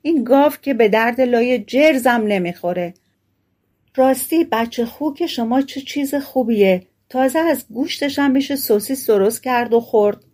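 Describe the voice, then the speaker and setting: A woman's voice: a little high, a little mellow, pitched above the performer's own voice, close to an everyday voice. A woman reading the part of a shrewd village butcher striking a trade in a storybook tale. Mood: bargaining.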